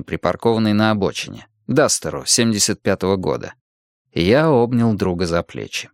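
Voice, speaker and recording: A man narrating an audiobook in a measured, expressive reading. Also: medium pitch, dry recording, clean studio sound.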